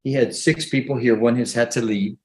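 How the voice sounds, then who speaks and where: A man speaking as a defense attorney, addressing a judge in court in a halting, deferential manner. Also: mid-range voice, fairly even intonation, a little mellow, a little hiss or hum.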